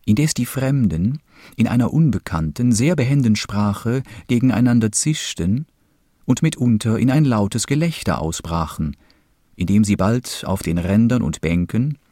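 Slow, expressive male storyteller. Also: fairly low pitch, no echo, clean studio sound. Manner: slow, measured, expressive reading. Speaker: narrator. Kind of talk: storybook narration.

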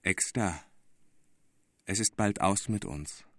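A man's voice: lowish voice, moderate pace, dry recording, studio quality, close to an everyday voice. A man voicing a weary old court councillor who speaks in a faint, hollow, gloomy voice in an audiobook. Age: older.

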